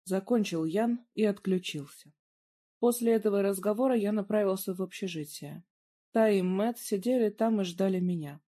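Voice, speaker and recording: A reader narrating a first-person story in a subdued, even way. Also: mid-range voice, normal speed.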